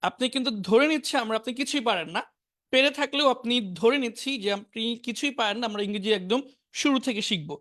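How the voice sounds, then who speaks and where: A woman teaching a beginner English class online, reciting letters and simple words slowly and clearly for learners to repeat aloud. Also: on the high side, fairly bright tone. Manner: slow, drilling repetition for learners to repeat aloud.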